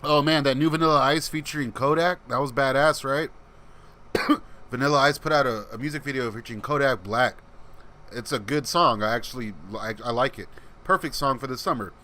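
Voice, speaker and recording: A livestream host works through his chat, answering comments in a laid-back, meandering fashion; many say his voice is soothing. It's a medium-pitched, slightly fast voice with a sharp edge.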